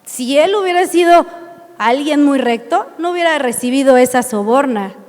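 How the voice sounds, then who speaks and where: A woman's voice: high-pitched, lively intonation, moderate pace, a little mellow. A woman with a Mexican accent preaching a sermon, emphatic and full of rhetorical questions. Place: church hall. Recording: reverberant church hall.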